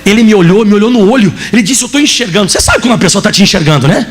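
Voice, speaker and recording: A man preaches in a strikingly high voice, racing through his testimony. His pitch leaps up and down as he acts out each exchange, and he shouts at the peaks. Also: rapid-fire. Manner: animated storytelling, acting out dialogue. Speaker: pastor. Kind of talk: sermon with personal testimony.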